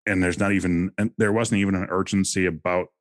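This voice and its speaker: A man's voice: deep voice, fairly even intonation, quick pace, no room sound, studio quality. A man co-hosting a casual podcast, giving reflective advice in a conversational way. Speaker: podcast co-host.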